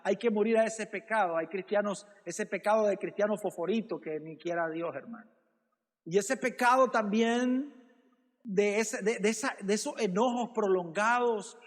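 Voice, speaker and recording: A man with a notably high voice preaches a sermon as pastor. He keeps addressing the listeners as brother and throws out rhetorical questions. His voice rings with the long reverb of a church hall. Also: normal speed.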